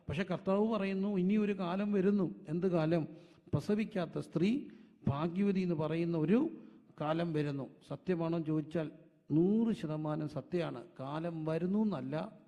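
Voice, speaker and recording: A pastor with a Malayali accent preaching a sermon. He asks rhetorical questions, answers them himself, and swells suddenly into loud, emphatic lines. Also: a little high. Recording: dull, echoey hall sound.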